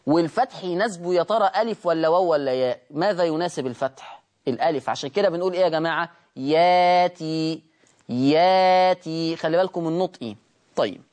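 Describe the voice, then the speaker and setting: Egyptian man teaching Quran recitation. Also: high-pitched. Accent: Egyptian Arabic. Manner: asks and answers his own questions, drawn-out demonstrations. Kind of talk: Tajweed lesson.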